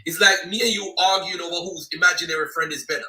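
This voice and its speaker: Young guy talking animated and blunt, sounds far from the mic in a roomy echo. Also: sits high, quick pace. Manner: animated, plain-spoken, uses everyday analogies. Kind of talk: casual conversation.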